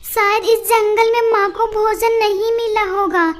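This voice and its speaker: A woman's voice: very high-pitched, level tone, unhurried. A woman doing Naina, a tiny weeping bird girl. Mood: worried. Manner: pleading, sobbing cries for her mother. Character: young female bird, devoted, tearful younger sister. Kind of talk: Hindi cartoon voice acting.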